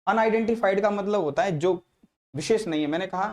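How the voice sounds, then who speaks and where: A man's voice: high-pitched, a little fast. A man teaching a grammar lesson, repeating each example and checking in with frequent tag questions. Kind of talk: classroom lecture explaining English grammar.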